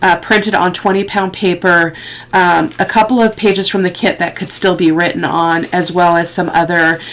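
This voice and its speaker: Sniffling with a head cold, a woman who hosts crafting tutorials chats through her work on camera at an indoor craft table. Her lower-pitched voice is fairly bright with fairly even intonation, and she speaks slowly and haltingly, musing aloud as she goes.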